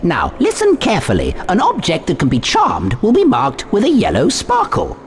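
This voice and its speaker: A man voicing an excitable, fussy little wizard professor in a video game, theatrical and encouraging. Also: high-pitched, moderate pace, a little hiss or hum, exaggerated voice. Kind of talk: scripted video game instruction. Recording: music behind game dialogue.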